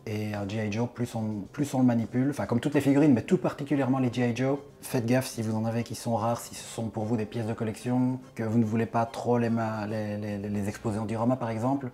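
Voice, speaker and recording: Mellow-voiced man explaining toys. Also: medium pitch, steady tone, fairly quick, few pauses. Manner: chatty, self-correcting, explains while handling figures. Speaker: toy collector vlogger. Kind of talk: casual explanatory commentary.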